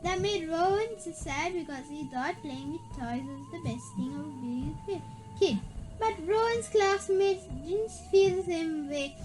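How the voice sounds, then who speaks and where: With an extremely high pitch, this reader takes their time and reads expressively through a children's spooky story, still stumbling and repeating words. The audio quality is poor, and background music is present.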